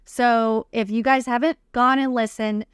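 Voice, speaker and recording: A woman with a smooth, clear and slightly high voice co-hosts a reality TV recap. She gives casual, opinionated commentary in slangy phrasing, with a dry, close sound. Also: fairly even intonation, a little slow, no room sound. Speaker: podcast co-host recapping reality TV.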